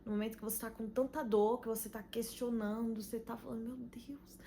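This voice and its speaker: A young Brazilian woman sharing an earnest, emotional faith testimony, full of pauses and "you know?" tags. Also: on the high side, flat delivery, warm tone, a little hiss or hum. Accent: Brazilian Portuguese. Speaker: channel host giving a faith testimony. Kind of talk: personal testimony vlog.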